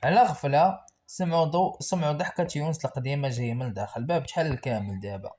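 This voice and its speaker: Fast-paced Moroccan horror storyteller man. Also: a little high, a little mellow. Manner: dramatic, suspenseful.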